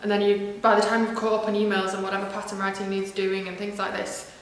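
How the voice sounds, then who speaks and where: A chatty woman from northwest England who vlogs about knitwear talks to camera fast, in a monotone at medium pitch. She's self-deprecating and full of ums and asides. The camera mic catches a large echoey room with faint background noise.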